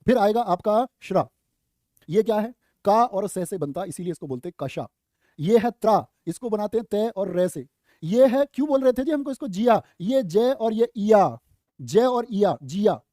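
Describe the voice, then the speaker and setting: Young male grammar teacher, high mellow voice, dry close sound, playful quizzing delivery. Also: moderate pace, no echo. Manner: lively, questions students and answers himself; playful asides and jokes. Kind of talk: exam-prep Hindi grammar lesson.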